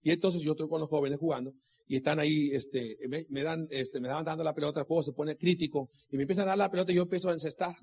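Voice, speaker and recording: A man's voice: on the high side, fairly even intonation, fast talker, a little mellow, breathy edge. A middle-aged man giving a motivational talk to an audience, preachy and full of rhetorical questions, repeating his key lines and mixing in personal stories. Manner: tells personal anecdotes. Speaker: motivational speaker at a business meeting.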